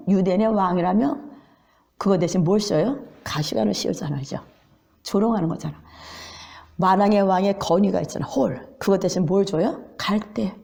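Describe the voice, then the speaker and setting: A woman's voice: mid-range voice, gravelly, mellow. A woman pastor preaching emotionally, asking the congregation rhetorical questions and dropping into whispers for emphasis. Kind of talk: sermon.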